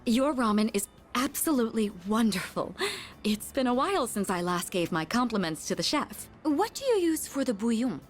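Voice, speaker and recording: A polite, well-bred young woman from a video game speaks in a lively, melodic way at a normal pace, her voice on the high side. Earnest and naively curious, she picks formal words and drops the odd French phrase, sounding delighted and polite. Faint music plays in the background.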